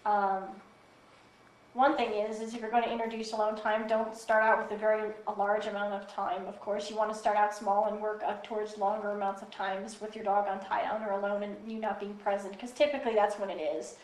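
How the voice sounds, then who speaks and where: A woman, a guide dog instructor, patiently explaining dog training in a relaxed interview. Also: medium pitch, a little fast, echoey room, low-quality recording. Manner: calm, practical, patient explaining. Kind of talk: explanatory casual interview answers. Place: instructor's office.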